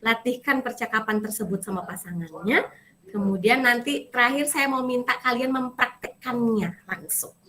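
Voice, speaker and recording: A woman teaching a Japanese language class, coaching and correcting students in a lively way. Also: fairly high pitch, moderate pace. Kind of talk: online class instruction.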